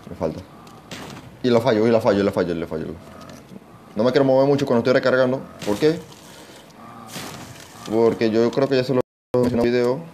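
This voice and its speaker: A young man giving casual gameplay commentary, excitable, swearing often and talking to himself. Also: fairly low pitch, slight background noise. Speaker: gaming channel host.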